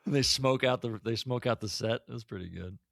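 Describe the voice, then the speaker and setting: A man co-hosting a casual podcast, chatting in an animated way and laughing often. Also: medium pitch, brisk, creaky, dry recording, clean studio sound. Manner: animated, laughs often, acts out quoted lines. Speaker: podcast co-host. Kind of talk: casual retrospective chat.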